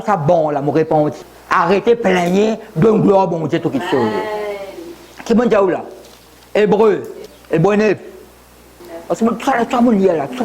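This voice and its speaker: An older man from Mauritius preaches a sermon, circling back over his words with repeats and asides. His voice sits high for a man. A faint hiss of background noise runs under the church recording. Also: darkish tone. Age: 70s. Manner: preaching with repetitions, switching briefly into English. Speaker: pastor.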